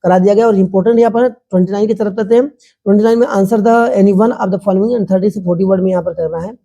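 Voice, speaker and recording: A teacher goes through board exam answers in a very dark, mellow voice with a husky edge. Lines keep returning to "ठीक है ना" and "my dear children". The English answer sentences come out slowly and carefully. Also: medium pitch, steady tone. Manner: repeats "ठीक है ना", calls viewers "my dear children".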